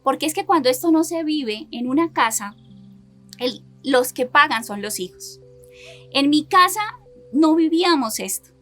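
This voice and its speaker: Woman preacher, high and bright, earnest sermon delivery, direct rhetorical questions, soft music underneath. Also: expressive, normal speed. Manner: repeats and builds phrases in lists. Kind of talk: sermon with personal testimony.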